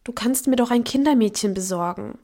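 A woman's voice: a little high, brisk, mellow, close to an everyday voice. Woman voicing a tearful pleading young girl. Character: young schoolgirl pleading with her father.

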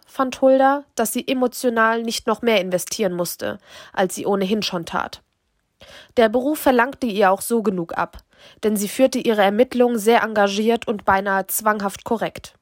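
A woman reading a crime novel aloud in a steady, measured narration. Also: mid-range voice, dry recording, clean studio sound. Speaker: audiobook narrator.

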